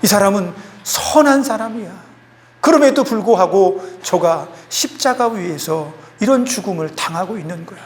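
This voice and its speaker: A pastor voicing a repentant criminal, low and earnest. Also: male voice, animated, normal speed. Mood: rebuking. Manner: pleading, earnest. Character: repentant male criminal on a cross, humble. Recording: long hall reverb.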